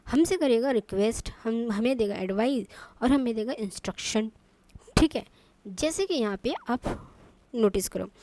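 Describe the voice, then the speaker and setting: A woman's voice: on the high side, no echo. A woman teaching an online English grammar lesson, explaining step by step and checking in with her students often.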